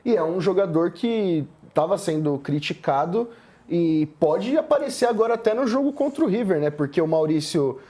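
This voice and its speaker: A Brazilian man talks through football analysis at a measured pace, often tagging his sentences with "né". His voice is a little high yet mellow and dark in colour. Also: expressive. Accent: Brazilian Portuguese. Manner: measured, uses filler "né". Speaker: sports commentator. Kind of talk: studio sports debate.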